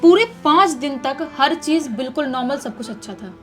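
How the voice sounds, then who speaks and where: A woman's voice: high voice, expressive, normal speed, a bit bright. Woman narrating a horror story. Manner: casual, conversational retelling. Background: faint music.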